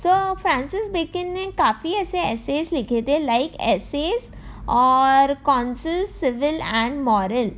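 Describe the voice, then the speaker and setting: Slow, high-voiced tutor woman. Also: expressive. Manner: reads questions and options slowly, then gives the answer; mixes Hindi and English. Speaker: exam-prep tutor. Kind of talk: lesson explaining exam answers.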